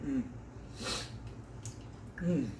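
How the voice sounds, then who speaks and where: A man's voice: drawn-out words, warm tone, reverberant. A man hosting an outdoor cooking vlog, tasting his fried fish with enthusiastic exclamations. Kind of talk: casual eating vlog.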